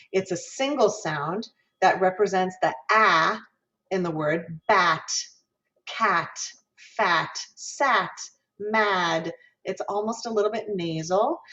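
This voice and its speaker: A woman from Minnesota teaching an online diction lesson as a guest professor, explaining and voicing vowel sounds aloud over a video call. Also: fairly low pitch. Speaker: guest lecturer, music professor. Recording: dull lo-fi video call audio.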